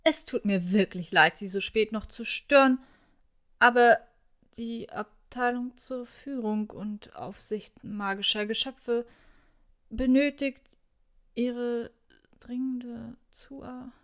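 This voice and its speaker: A woman voicing a brisk, officious young witch who talks in a clipped, insistent way. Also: mid-range voice, a bit bright, natural voice.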